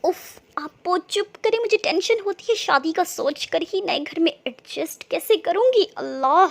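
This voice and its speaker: A woman voicing a sharp-tongued young woman about to be married, who talks in cheeky, mocking banter. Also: sits high, expressive, a little fast. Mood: playful.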